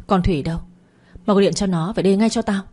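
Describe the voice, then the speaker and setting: A woman's voice: medium pitch, fast, darkish tone, breathy edge, lightly acted. A woman voicing an angry older village mother who scolds her son harshly in an audio story. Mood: furious.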